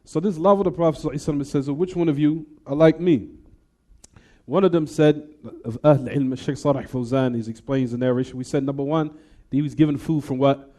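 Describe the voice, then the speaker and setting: An Islamic teacher gives a hadith class, explaining in English, reciting in Arabic, and often quizzing his students with "what?" questions. His voice sits on the high side and is mellow, and he speaks at a quick pace.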